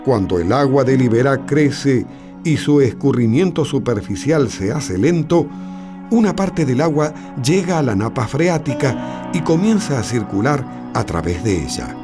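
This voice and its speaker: A man narrating a scripted nature documentary in a measured, explanatory way. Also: mid-range voice, very animated. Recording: music behind the voice. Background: background music.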